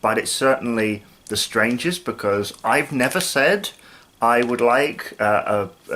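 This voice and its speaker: A man's voice: medium pitch, pushed and bright. A British man in his thirties chatting casually to camera as a review host, thinking aloud a little hesitantly. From United Kingdom. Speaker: snack review video host. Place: small living room, indoors.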